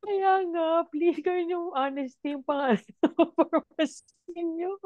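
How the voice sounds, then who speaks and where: A woman co-hosting a casual podcast chat, playful and animated, acting out funny misquotes. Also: very high voice, unhurried, dry recording, phone-quality sound. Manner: animated and playful, mock-quotes sayings. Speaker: podcast co-host.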